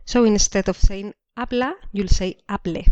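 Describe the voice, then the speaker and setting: A woman teaching a language lesson, explaining slowly and repeating each example sentence twice. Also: mid-range voice, darkish tone, dry recording. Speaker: Spanish teacher. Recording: dull dry lo-fi recording.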